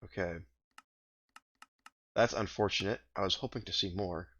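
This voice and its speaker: A man with a lowish, groggy morning voice talks through his gameplay, wandering from thought to thought as he plays. The recording is dull and lo-fi. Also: moderate pace, fairly bright tone. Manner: rambling, thinking aloud while playing. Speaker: gaming video host. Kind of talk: casual let's-play commentary.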